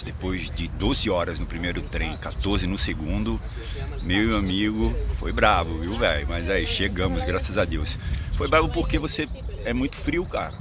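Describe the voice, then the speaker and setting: A Brazilian man in his forties talks into a phone held at arm's length, chatty and upbeat. His voice sits low, and he keeps turning to his viewers. The outdoor recording carries clear wind, street ambience and passing vehicles. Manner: chatty, upbeat, repeats phrases, addresses viewers directly. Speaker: vlogger. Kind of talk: casual travel vlog to camera. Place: outdoors by a rail yard in open sun.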